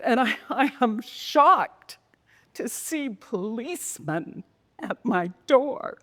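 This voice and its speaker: A woman telling a dramatic personal story in a slow, intense way, sometimes sinking to a whisper. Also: a little high, in a large hall. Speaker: speaker.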